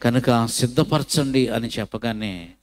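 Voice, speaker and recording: A middle-aged male pastor preaching a sermon in Telugu and telling a story, with big swings of pitch and loudness as he acts out its characters. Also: unhurried, slight background noise.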